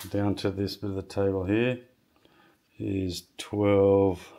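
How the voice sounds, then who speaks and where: A man casually walking through his workshop build, halting often with ums and restarts as he measures and explains. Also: deep voice, flat delivery, warm tone. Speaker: home builder showing his project. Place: home garage workshop.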